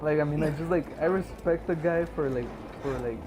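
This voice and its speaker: A man's voice: on the high side, brisk, music in the background. A young man streaming a game, chatting casually and rambling with lots of swearing and fillers. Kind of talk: casual chat while streaming gameplay.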